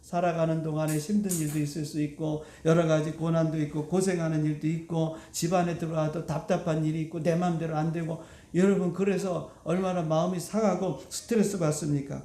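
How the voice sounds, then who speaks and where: Guy pastor preaching, high soft voice, lots of rhetorical questions, echoey church. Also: a little fast, hardly any pauses. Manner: exhorting congregation with rhetorical questions. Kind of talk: sermon. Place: church sanctuary.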